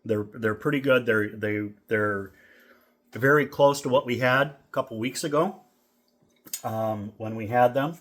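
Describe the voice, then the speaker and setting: A middle-aged man from Minnesota casually reviewing food in a relaxed, rambling vlog with lots of fillers. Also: medium pitch, measured pace. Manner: rambling, easygoing, with many fillers. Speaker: vlogger.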